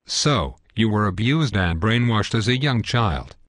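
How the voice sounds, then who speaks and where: A man's voice: lowish voice, expressive, unhurried, no room sound, clean studio sound. A synthetic male voice playing a smug, belligerent parody news anchor in a scripted cartoon newscast, stiff and pompous.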